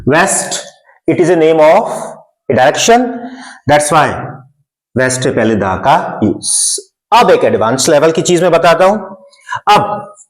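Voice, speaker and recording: A man from India gives a grammar lesson at a deliberately slow pace, walking through each point step by step. His voice sits a little high for a man. He says each term in both Hindi and English. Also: very animated, low-quality recording. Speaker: English teacher.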